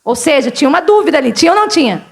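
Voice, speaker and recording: Uma mulher pastora com sotaque gaúcho pregando num culto, em tom de conversa e com muitas perguntas à congregação. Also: female voice, high-pitched, big pitch swings, rapid-fire, vocal fry. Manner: conversational, questions the congregation often. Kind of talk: sermon. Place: church service.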